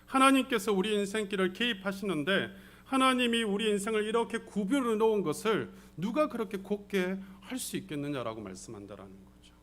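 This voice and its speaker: A man's voice: sits high, very animated, fairly quick, a bit bright. A male senior pastor delivering a sermon, repeating phrases for emphasis and putting rhetorical questions to the congregation. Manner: often addresses the congregation directly.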